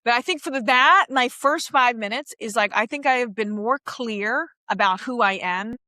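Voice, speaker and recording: A woman comedian from Queens, chatting as a podcast guest in a lively way, often laughing and acting out voices. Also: on the high side, normal speed, no room sound. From Queens, New York. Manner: animated, laughing, acts out quoted voices. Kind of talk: casual interview chat.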